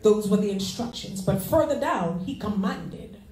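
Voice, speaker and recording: A woman associate pastor preaching a sermon, animated, with congregation call-and-response. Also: mid-range voice, normal speed. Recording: echoey church sanctuary.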